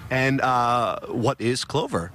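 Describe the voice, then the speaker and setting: A man's voice: medium pitch, expressive, slow pace, a bit bright, slight background noise. A man reporting live for a lifestyle TV show at an outdoor fair, joking playfully with the people he interviews. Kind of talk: live on-location TV segment.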